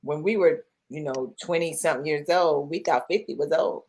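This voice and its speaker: A woman's voice: deep voice, moderate pace, a little mellow, slightly rough. A middle-aged woman co-hosting a casual talk show, chatty, often repeating herself and pressing with questions. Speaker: podcast co-host. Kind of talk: casual chat.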